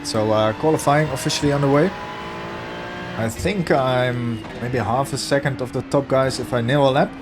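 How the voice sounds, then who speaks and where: A sim racing video host, a hoarse man whose voice is going, talks over his own gameplay footage with analytic, self-deprecating commentary. His voice sits in the mid range at a normal speed. It's a voice-over with background music running underneath.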